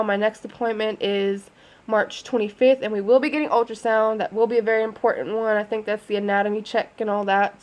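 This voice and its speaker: A woman chatting in a rambling way with lots of fillers and asides. She is giving a casual vlog update at home. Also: medium pitch. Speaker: vlogger. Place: at home near a bedroom.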